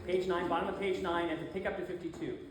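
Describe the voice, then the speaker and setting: A woman's voice: on the low side, level tone, fast talker. A woman leading a choir rehearsal, counting off beats and singing short phrases to show the choir how they go. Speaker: choir director. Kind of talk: rehearsal instruction. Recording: echoey room with piano.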